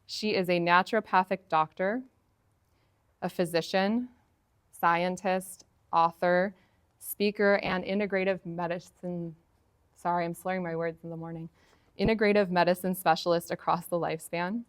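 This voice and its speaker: A woman with a lowish voice hosts an event and introduces the speakers in a casual, informal way. She often pauses on fillers and corrects herself mid-sentence, and her voice comes through dry and close. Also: fairly even intonation, clear, resonant tone, no echo. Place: conference room.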